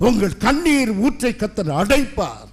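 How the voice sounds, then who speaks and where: A middle-aged male pastor preaching an impassioned sermon, swinging between loud declarations and hushed asides. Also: sits high, sing-song, moderate pace.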